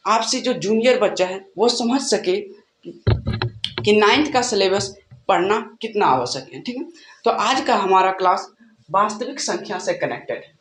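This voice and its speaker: A man's voice: high voice, fairly bright tone. A man teaching a maths lesson as a tutor, asking questions and answering them himself, with frequent check-ins. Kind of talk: classroom-style lesson explanation. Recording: echoey room with faint background noise.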